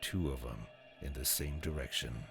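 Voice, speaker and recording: Male narrator, very low voice, slow and dramatic, music bed behind. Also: gravelly. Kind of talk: scripted documentary narration. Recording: voice-over with loud music.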